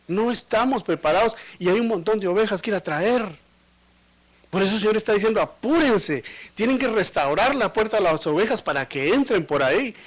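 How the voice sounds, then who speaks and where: A man preaching at a live church service, speaking straight to the congregation with question after question. His voice sits a little high. He swings from loud, emphatic lines to low, hushed ones. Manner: preaching with rhetorical questions and direct address. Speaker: pastor. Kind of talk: sermon.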